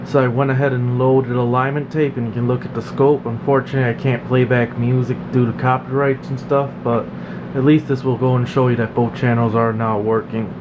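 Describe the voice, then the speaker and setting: A man explains a repair casually and without fuss in an indoor electronics workshop. He's a technician with a mid-range voice that runs a little fast, and the slightly dull audio picks up a persistent, noisy room hum.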